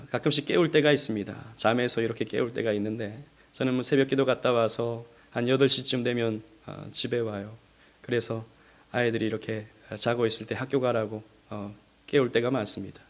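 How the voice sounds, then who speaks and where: A middle-aged man from South Korea preaching a Sunday sermon as pastor, speaking gently and then building to emphatic stresses, sometimes acting out quoted lines. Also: mid-range voice, steady tone, fairly quick. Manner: gentle, rising to emphatic, acts out quoted speech. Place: church sanctuary.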